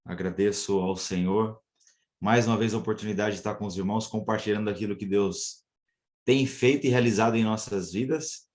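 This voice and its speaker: A man with a fairly low voice speaks to a congregation as a missionary. He sounds earnest and measured and pauses often as he shares his testimony. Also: steady tone, darkish tone. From São Paulo state, Brazil. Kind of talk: church testimony.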